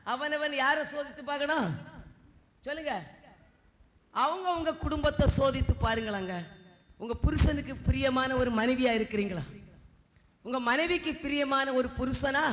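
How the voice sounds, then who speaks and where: A woman preacher, delivering a sermon and scolding the congregation with rhetorical questions. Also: high voice. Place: church hall. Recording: long hall reverb.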